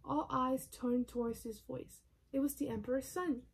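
Soft-voiced woman reading a storybook. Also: high voice, normal speed, gravelly, husky. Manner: gentle, expressive storytelling. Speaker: library volunteer reading aloud. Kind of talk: storybook read-aloud.

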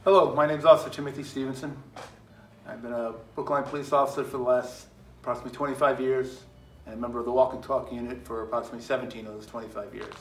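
A middle-aged man, a police officer, speaking earnestly in an interview testimonial, pausing between phrases. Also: medium pitch, fairly even intonation. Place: studio with curtain backdrop. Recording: roomy studio, distant mic, soft music.

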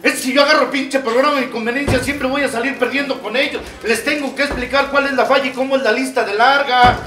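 Mexican man shouting testimony in echoey hall. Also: steady tone, fast. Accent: Mexican Spanish. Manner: swears heavily, swings from low confiding to shouting. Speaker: recovery group speaker. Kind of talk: impassioned testimony at a recovery meeting. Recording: echoey room, far from the mic.

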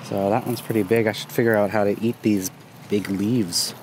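A man in his thirties giving a relaxed, casual tour of his garden while filming outdoors on a phone held at arm's length, with plenty of ums and uhs. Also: fairly low pitch, normal speed. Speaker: gardening vlogger. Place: outdoors in a sunny community garden. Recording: outdoor phone recording with traffic noise. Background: passing traffic and outdoor ambience.

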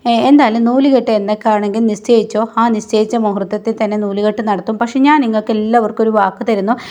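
A woman's voice: mid-range voice, steady tone, quick pace, darkish tone, lightly acted. A woman reading the lines of a determined young wife and mother from a serial, in her own voice. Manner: firm, resolute lines read in her own voice.

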